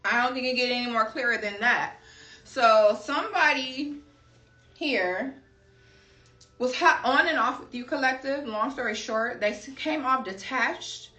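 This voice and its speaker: A tarot card reader from Chicago, USA, speaks a little slowly in a slightly high, bright, forceful voice. Her casual reading is talkative and strays into stories from her own life as she calls her audience y'all. The echoey room and distant mic placement are audible.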